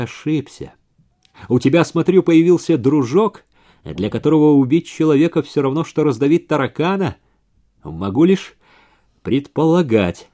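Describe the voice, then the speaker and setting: A man voicing an accused flat owner who answers calmly, without raising his voice, in a story reading. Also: medium pitch. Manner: calm, level, not raising his voice.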